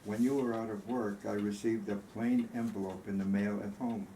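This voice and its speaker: A man reading the part of a gentle, thoughtful war veteran in a storybook reading. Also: fairly low pitch, steady tone, normal speed, natural voice. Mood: puzzled. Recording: roomy echo, faint background noise.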